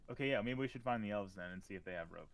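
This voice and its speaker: A man playing a tabletop game, chatting loosely and fast with the others. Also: lowish voice. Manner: quick, loose, swears and laughs easily. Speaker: player. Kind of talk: casual chat during a tabletop game.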